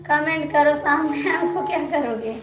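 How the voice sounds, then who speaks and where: A woman's voice: sits high, normal speed, crowd noise. A young woman with an Awadhi-region Hindi accent hosting a casual livestream, chatting with viewers, teasing and scolding them. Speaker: livestream host. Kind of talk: casual live-stream chat with viewers. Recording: echoey room with background noise.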